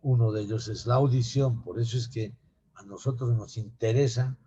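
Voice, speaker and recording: Speaking at normal speed in a medium-pitched, mellow, husky voice, a male lecturer teaches anatomy, posing rhetorical questions and calling his students "young people." The classroom recording is dull and lo-fi.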